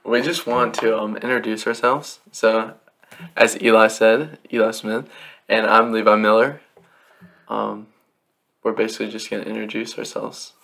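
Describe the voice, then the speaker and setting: A man's voice: fairly low pitch, flat delivery, moderate pace, gravelly, fairly bright tone. A young man talking casually and a little awkwardly as a podcast co-host, recorded in an attic. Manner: awkward, hesitant. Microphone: microphone.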